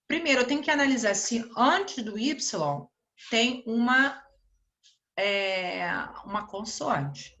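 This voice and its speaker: A woman with a Brazilian Portuguese accent teaching an online English grammar lesson, explaining slowly and checking in with "né?" after each point. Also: mid-range voice, bright, forceful tone. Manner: explains slowly, repeats words and asks "né?".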